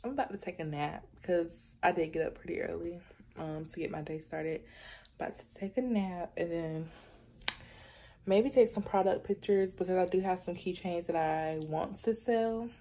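A young woman chatting casually through a day-in-the-life vlog, relaxed and full of fillers. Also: fairly low pitch, moderate pace. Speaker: vlogger.

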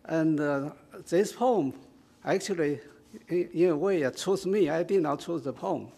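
At a community event in a small room with an audience, an older man with a Chinese accent reads and explains poetry informally into a stand microphone. He speaks slowly and haltingly, with many fillers and restarts, in a warm, slightly rough, somewhat raised voice.

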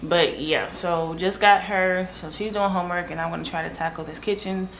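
A woman in her thirties, a mom vlogging casually, coaxing her child softly and chatting to viewers from her kitchen. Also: lowish voice, steady tone, moderate pace, slight background noise. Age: 30s. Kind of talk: casual vlog talk to camera. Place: kitchen of a family home. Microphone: camera on a tripod. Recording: echoey room, music behind.

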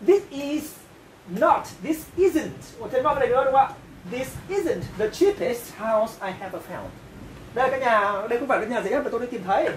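A woman teaching English grammar with a Vietnamese accent, going slowly, repeating phrases and checking with her learners. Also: fairly high pitch, expressive. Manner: slow, repeats and translates each phrase, often asks "right?". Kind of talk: grammar lesson. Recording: echoey room, voice from a distance, faint hiss.

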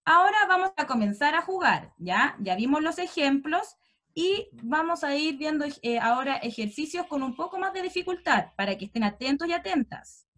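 A woman's voice: sits high, lively intonation, moderate pace, fairly bright tone. A woman, patiently teaching an online class for young children and prompting them with questions. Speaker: first-grade teacher.

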